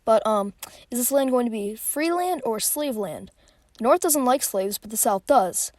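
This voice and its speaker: High-voiced, sarcastic young woman narrator. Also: lively intonation, moderate pace, darkish tone. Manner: sarcastic, playful. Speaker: video creator. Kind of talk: comic history explainer narration. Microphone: phone.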